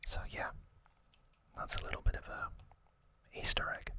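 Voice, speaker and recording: A male ASMR host murmurs trivia under his breath, his phrases short and faltering, the whole delivery breathy and hushed.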